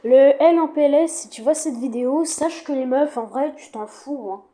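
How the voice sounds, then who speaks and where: A woman's voice: sits high, normal speed, mellow, slight background noise. A young woman hosting a reaction video, chatting casually and teasing the creator she watches. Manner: playful, teasing, talks straight to the creator.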